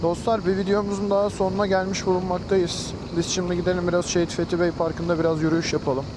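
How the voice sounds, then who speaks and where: Higher-pitched man vlogging outdoors, very noisy. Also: level tone, fast talker. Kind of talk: casual travel vlog chat. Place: outdoors at a busy valley picnic spot. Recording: loud outdoor nature and vehicle noise.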